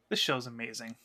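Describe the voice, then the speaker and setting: A man co-hosting a podcast in casual chat, animated and laughing as he acts out quotes. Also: medium pitch. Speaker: podcast co-host.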